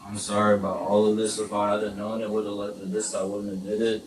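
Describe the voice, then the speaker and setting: A man's voice: on the low side, little pitch movement, quick pace. A man in his twenties from Illinois, questioned as a suspect, giving hesitant, rambling excuses, recorded by a police bodycam at a pharmacy counter. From Illinois, USA. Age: 20s. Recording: echoey bodycam audio with loud room noise.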